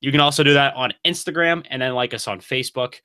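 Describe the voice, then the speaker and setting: A man's voice: mid-range voice, fast, sharp tone, clear, resonant tone. A man hosting a casual sports podcast, loose and rambling, often laughing at himself. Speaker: podcast host.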